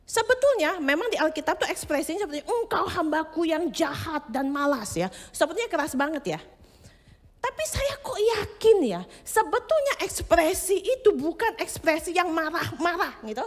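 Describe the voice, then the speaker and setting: A high-voiced woman delivers a sermon with animated, swooping intonation. She slips in English phrases and acts out people's thoughts. Her voice rings with the long reverb of a church hall. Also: moderate pace. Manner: expressive, mixes English phrases, acts out quoted inner voices. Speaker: preacher.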